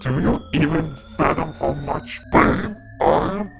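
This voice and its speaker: Gravelly, slow demon, a man acting it. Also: a little high, soft background music. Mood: brooding.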